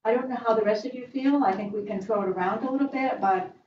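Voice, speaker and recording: A woman's voice: a little high, quick pace. A woman board member leading a discussion at a meeting. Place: indoor meeting room around a large table. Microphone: far room mic on a video call. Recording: echoey room, distant mic, dull, noisy.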